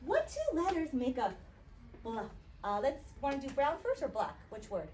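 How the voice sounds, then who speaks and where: A woman's voice: high voice, wildly swooping pitch, normal speed, a little mellow. A woman kindergarten teacher leading an interactive classroom lesson like a kids show host, prompting young children with short, repeated questions and instructions and sounding out letters. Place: classroom, voice picked up from a distance. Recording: distant mic, noisy classroom.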